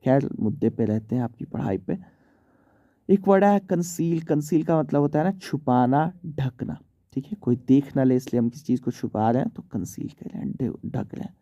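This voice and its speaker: Male tutor, informal explainer, very dark mellow voice, dry slightly muffled recording. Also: mid-range voice, lively intonation, normal speed, no room sound. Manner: chatty, informal, often says "theek hai". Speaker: English teacher. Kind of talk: vocabulary lesson in Hindi.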